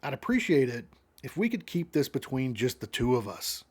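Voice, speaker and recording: A man reading as a calm, unsettling woman. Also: medium pitch, moderate pace, husky. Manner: calm, even delivery. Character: calm, unsettling woman hiding buried secrets.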